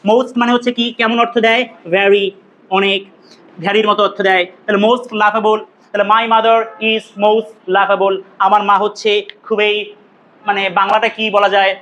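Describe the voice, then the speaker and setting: Male grammar teacher, very high and flat, drills words, quizzes class. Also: highs cut off. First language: Bengali. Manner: repeats words for drill, asks students questions.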